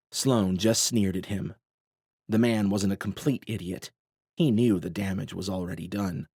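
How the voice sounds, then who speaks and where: A man's voice: fairly low pitch, no room sound. Man narrating an audiobook, dry close sound. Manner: steady, measured storytelling. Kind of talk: scripted narration.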